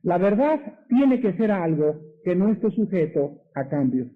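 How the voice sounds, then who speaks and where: Preacher guy, high voice, firing off rhetorical questions, sounds like an old phone-line radio. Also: very animated, unhurried. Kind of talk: radio sermon. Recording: tinny radio broadcast.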